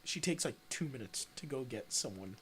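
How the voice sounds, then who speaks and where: A young man hosting a casual podcast, telling a funny childhood story in an animated way while playing a video game and laughing often. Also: medium pitch, normal speed, slightly rough. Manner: animated, laughing, acts out quoted voices. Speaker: podcast host.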